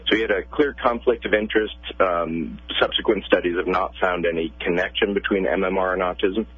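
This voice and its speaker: A man with a deep, husky voice speaks over a thin, tinny phone line. He is a pediatrician answering questions on a radio interview, calm and measured as he explains. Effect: heard over a phone line.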